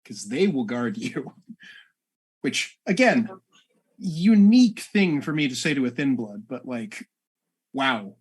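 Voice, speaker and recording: A man's voice: mid-range voice, very animated, takes it slowly, pauses often, breathy edge. A man playing casually in character in a tabletop game, sarcastic and sweary. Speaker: player.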